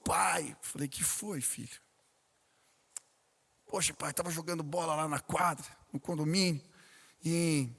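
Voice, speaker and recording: A male pastor preaches a sermon and tells a family story, acting out each voice in it. His voice sits on the higher side for a man. The sound carries the long reverb of a large church hall. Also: vocal fry, fairly bright tone. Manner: storytelling preacher, acts out dialogue with rising intensity.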